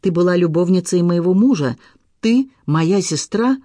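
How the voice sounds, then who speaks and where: Dude doing a betrayed woman screaming at her sister, high and loud, storybook drama. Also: animated, normal speed, no echo. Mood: furious.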